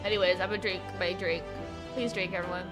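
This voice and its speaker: A young woman streams a visual novel playthrough, reading the story text aloud and chatting between lines in a bubbly way, laughing often. Her voice is fairly low and steady, and she speaks fast over loud music.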